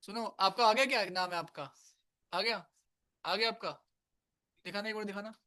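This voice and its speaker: High-voiced man teaching a live coding class. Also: moderate pace, pushed and bright. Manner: casual, scolds and coaxes students. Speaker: programming teacher.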